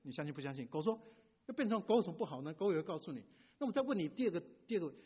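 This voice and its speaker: Middle-aged guy preaching, keeps asking the crowd questions, slightly raspy, kinda muffled lo-fi audio. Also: on the high side, very fast. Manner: animated preacher, asks the audience questions, mixes in English words. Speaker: pastor. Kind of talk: sermon. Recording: dull lo-fi recording.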